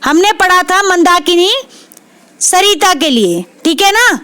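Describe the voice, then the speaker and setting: Very high-voiced woman tutoring vocabulary. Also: animated, a little slow, pushed and bright, no room sound. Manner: repeats each word, asks and answers her own questions. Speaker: Hindi literature exam tutor. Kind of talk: exam prep lesson.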